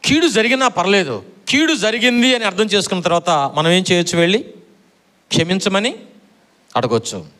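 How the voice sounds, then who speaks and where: A man's voice: sits high, animated, a little fast, long pauses, bright, forceful tone. A middle-aged man preaching a sermon, repeating his phrases and quizzing the congregation for answers. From Andhra Pradesh, India.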